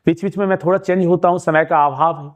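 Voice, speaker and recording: A man's voice: on the high side, steady tone, fast, dull audio. A man teaching an exam-prep lesson, explaining step by step and asking and answering his own questions. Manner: urging students to keep watching.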